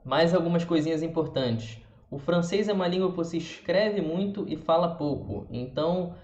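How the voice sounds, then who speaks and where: A man with a Brazilian Portuguese accent teaching a pronunciation lesson, demonstrating sounds slowly and repeating them for the viewer. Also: fairly high pitch, a little mellow. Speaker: language teacher. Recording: roomy, dull lo-fi sound.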